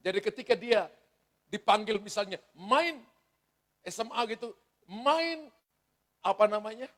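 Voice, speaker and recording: A man's voice: high-pitched, a little slow, a bit bright. A middle-aged male pastor preaching a sermon, telling stories and acting out the dialogue. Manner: storytelling, acts out quoted dialogue.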